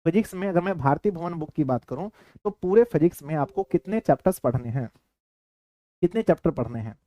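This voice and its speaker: A man's voice: on the high side, lively intonation, fairly quick, warm tone. A man with a Bihari Hindi accent teaching a class, repeating himself and quizzing his students. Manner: repetitive, keeps quizzing students. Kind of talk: classroom lecture.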